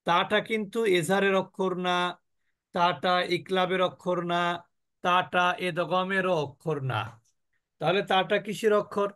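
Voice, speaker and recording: A male teacher with a Bangladeshi Bengali accent leads an online tajweed class, his voice sitting high. He talks unhurriedly, putting questions to the class and answering them, then stretches each sound out so students can follow. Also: steady tone, fairly bright tone, smooth. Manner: explains rules, then drags out sounds very slowly for the class to copy. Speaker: Quran recitation teacher. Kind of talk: online tajweed lesson with slow recitation drills.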